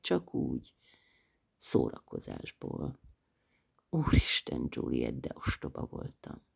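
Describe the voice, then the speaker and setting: A woman voicing a grave middle-aged man who quietly confides his remorse, sinking to a near-whisper. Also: a bass voice, gravelly, heavily acted.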